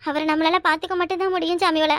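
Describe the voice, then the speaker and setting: A sorrowful cartoon mother, played by a woman speaks. Her voice is very high and quick, and it sits dry and close to the mic. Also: level tone, a bit bright, dry recording. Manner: tearful, earnest pleading. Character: loyal wife and mother, sorrowful but firm. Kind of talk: cartoon voice acting.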